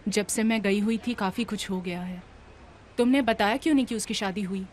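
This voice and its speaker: A woman's voice: medium pitch, brisk, darkish tone, slight background noise, natural voice. A woman voicing a polite, composed young office worker in a dubbed TV drama.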